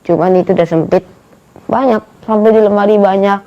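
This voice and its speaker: A woman's voice: mid-range voice, fairly even intonation, brisk. A woman, a mother, chatting casually in an interview and repeating herself for emphasis. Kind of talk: casual chat. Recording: muffled lo-fi recording.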